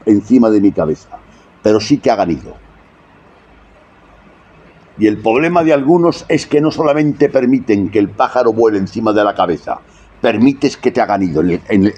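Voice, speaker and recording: A husky-voiced preacher delivers a sermon. His pitch swings widely as he builds his points and keeps turning to the congregation with rhetorical questions. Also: a little mellow, lo-fi sound.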